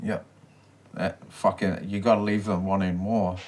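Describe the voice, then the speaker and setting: A man's voice: deep voice, flat delivery, a little slow, a little mellow. A man co-hosting a casual podcast, rambling through stories and swearing freely over a beer. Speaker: podcast co-host. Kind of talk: casual chat.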